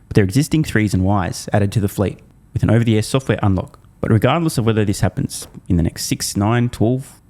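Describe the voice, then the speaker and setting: A man's voice: lowish voice, warm tone. An Australian man giving blunt, mocking finance commentary, often sarcastic and swearing.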